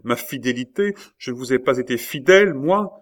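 An emotional young woman, tender and quick to feel hurt, as a man reading aloud puts her on by raising his low voice. Her lines come higher and louder than the narration. The storybook reading stays earnest throughout. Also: natural voice. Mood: tearful. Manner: raised pitch, emotional. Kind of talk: audiobook reading.

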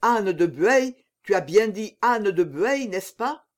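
A man's voice: high voice, expressive, slow pace. Man voicing a merciless fake monk. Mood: stern. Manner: cold, stern, unforgiving. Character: vengeful young man disguised as a monk, merciless.

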